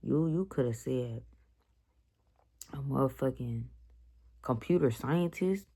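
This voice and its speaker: A woman's voice: rumbling low, takes it slowly, mellow, slightly rough. A young woman telling a story to her viewers in a blunt, slangy, profane rant. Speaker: vlogger. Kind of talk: casual storytime vlog.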